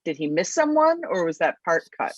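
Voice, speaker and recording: A woman's voice: lowish voice, very animated, normal speed, slightly rough, no echo. Dry, lo-fi woman moderator. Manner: brief prompts and questions. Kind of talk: moderating a festival Q&A. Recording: dry, dull sound.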